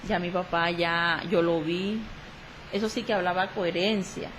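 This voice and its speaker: A woman giving an emotional religious testimony on the radio, halting and repeating herself as she acts out the dialogue she quotes. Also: lowish voice, steady tone, fairly bright tone, slight background noise, rough recording.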